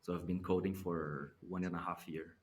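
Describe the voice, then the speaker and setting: A man from Brazil, speaking calmly and in a measured way as a guest. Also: deep voice. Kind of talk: casual interview.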